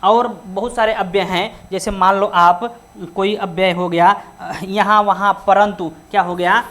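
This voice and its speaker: Brief: grammar teacher, woman, mid-pitched voice, repetitive question-and-answer delivery. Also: steady tone, fairly bright tone. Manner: keeps asking rhetorical questions and answering them herself; slows to stress words one by one. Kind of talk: exam-prep lesson.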